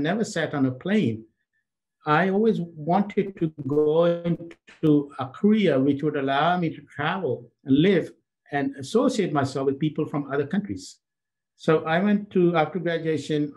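An older man from Pakistan who grew up in Britain tells his life story as a guest over a video call. His voice sits a little high for a man, and he talks in an animated way, repeating words as he goes. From Pakistan, raised in Britain. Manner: animated, repeats words, laughs between phrases. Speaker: guest, chamber of commerce president. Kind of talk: casual interview storytelling.

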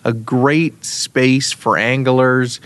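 A man's voice: mid-range voice, steady tone, drawn-out words, fairly bright tone, clean tone. A man with a mid-range voice hosts a podcast in an easygoing way. He chats casually and guides his guest with open questions. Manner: easygoing, asks guiding questions. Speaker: podcast host. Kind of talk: casual interview talk.

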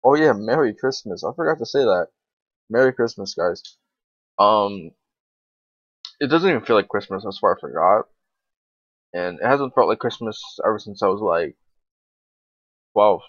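A 16-year-old male gaming creator records his screen indoors at a computer, offering rambling, informal commentary with some hesitation. His lowish voice is expressive and slightly rough, at a moderate pace with frequent pauses. The recording, from a dry computer mic, is dull and lo-fi.

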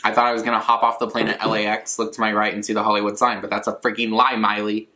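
Young guy in his 20s, lowish bright voice, rambly casual vlog chat, kinda self-deprecating. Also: level tone, fast talker. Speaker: vlogger answering viewer questions. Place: living room at a coffee table, indoors.

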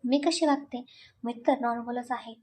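A woman's voice: on the high side, moderate pace, darkish tone, a little hiss or hum, lightly acted. Woman voicing a hurt, sulky college girl. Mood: cold. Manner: cold, sulky.

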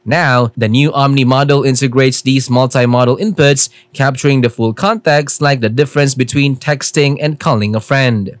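A man narrating a scripted tech explainer in an even, informative way. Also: medium pitch, moderate pace, hardly any pauses, dry recording.

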